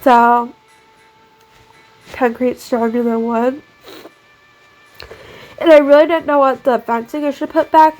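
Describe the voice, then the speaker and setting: Over faint background music, a young woman with a nasal, congested cold talks through her game build in a casual, rambling way full of "like" fillers. Her pitch is a little high and the recording quality is low.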